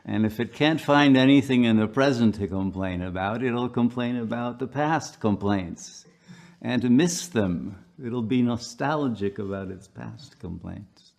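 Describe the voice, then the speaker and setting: A man's voice: medium pitch, a little slow, creaky, darkish tone. A male pastor delivering a sermon, telling stories unhurriedly with frequent fillers.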